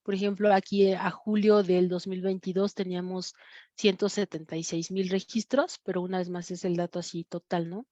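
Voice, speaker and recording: A woman with a Mexican Spanish accent teaching an online class, pausing often with fillers and correcting herself as she explains her screen. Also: lowish voice, flat delivery, mellow, no echo, lo-fi sound. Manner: many fillers and self-corrections. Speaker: course instructor. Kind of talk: screen-sharing lecture on crime data.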